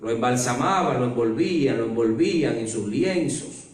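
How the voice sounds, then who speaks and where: A male pastor preaching a sermon in church, swinging between low murmurs and loud climaxes. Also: expressive, normal speed. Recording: very echoey church hall, mic at a distance.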